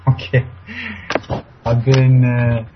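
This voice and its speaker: A man from Sweden, speaking as a radio interview guest with many pauses and fillers. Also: mid-range voice, monotone. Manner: halting, many fillers, emphatic. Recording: dull lo-fi recording, faint hiss.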